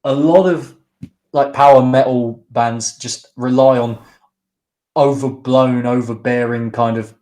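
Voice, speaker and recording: This podcast co-host chats casually about songs, rambling and joking with plenty of hesitation as he reacts to the music. His voice sits at a medium pitch with a dark tone, fairly even intonation, and a measured pace.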